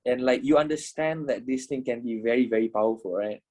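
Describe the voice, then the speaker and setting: Fairly quick and darkish, the voice is mid-range and belongs to a man in his twenties. He teaches a casual trading class online and is wrapping it up, swearing, repeating himself, and asking "you know?" again and again.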